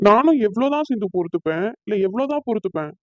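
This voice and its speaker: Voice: medium pitch, sing-song, rapid-fire, a little mellow, no room sound, lo-fi sound, close to an everyday voice. A performer voicing a hurt, resentful young man in a cartoon, brooding and bitter.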